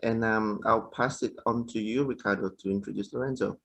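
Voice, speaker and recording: A man's voice: on the low side, fairly even intonation, a little fast, gravelly, fairly bright tone, poor audio. A man moderating an online webinar, hesitant and apologetic, with many ums.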